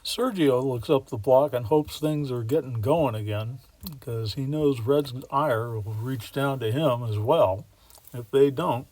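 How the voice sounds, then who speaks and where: A man narrating a story in a folksy, wry tone, dropping casual slang as he goes. His pitch sits in a middle range. The recording is dry and close, with no room sound. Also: measured pace, darkish tone, no room sound. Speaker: storyteller and model railroad builder.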